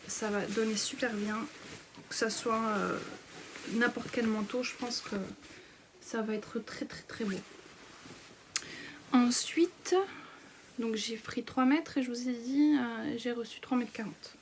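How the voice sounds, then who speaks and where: Woman, 30s, sewing vlogger; casual, filler-heavy, breathy half-whisper, voice a touch high, faint hiss behind. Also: steady tone, a little slow. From France. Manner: hesitant, many fillers, frequently whispery. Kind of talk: casual fabric haul chat.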